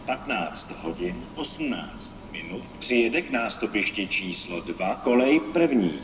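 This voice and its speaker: A man reading formal railway station announcements in measured, segmented scripted phrases. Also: low voice. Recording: noisy, distant station public-address recording. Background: station ambience noise.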